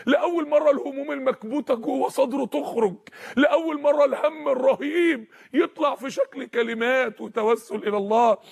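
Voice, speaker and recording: High-voiced impassioned Egyptian preacher. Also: male voice, a little fast, creaky. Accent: Egyptian Arabic. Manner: impassioned, shouting and breaking into tears. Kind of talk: sermon.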